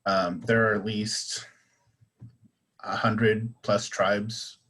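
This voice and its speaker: A man's voice: on the low side, little pitch movement, drawn-out words, a bit bright, husky, poor audio. A man with a Southern US accent talking in a casual panel discussion, hesitant and full of fillers and restarts.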